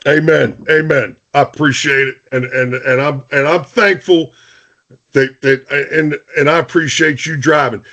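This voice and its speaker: A man's voice: fairly high pitch, fairly even intonation, measured pace, pushed and bright. A man hosting a podcast, telling jokey team stories in casual chat, with lots of "hey" and restarts. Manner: joking storyteller, many restarts and "hey".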